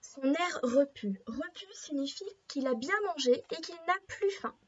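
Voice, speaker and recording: Slow high-voiced woman reading to children. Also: animated. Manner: slow, gentle, stops to explain words and ask children questions. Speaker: preschool teacher. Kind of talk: story read aloud to young children. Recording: slightly dull lo-fi recording.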